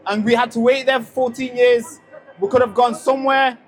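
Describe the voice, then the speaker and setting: A man's voice: very high voice, steady tone, fairly quick. A young man born in a refugee camp in Tanzania, giving a speech outdoors at a street rally and telling a story emphatically. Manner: emphatic storytelling with many repeated lead-ins. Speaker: speaker at a rally.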